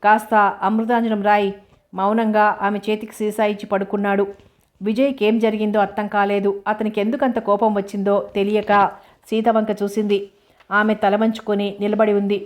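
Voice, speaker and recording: A woman narrating a novel in a steady, measured storybook reading. Her voice stays flat and level, with very little rise and fall, at a middling pitch. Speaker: audiobook narrator.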